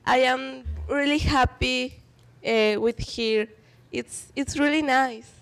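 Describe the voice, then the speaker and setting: A young woman from Colombia with a cold, speaking in simple, halting sentences. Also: high-pitched, steady tone, heavy background noise. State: has a cold. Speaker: exchange student.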